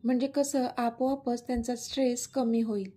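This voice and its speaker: A woman's voice: fairly high pitch, fairly even intonation, dark tone, breathy edge. A woman voicing a reassuring male doctor. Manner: measured, advising.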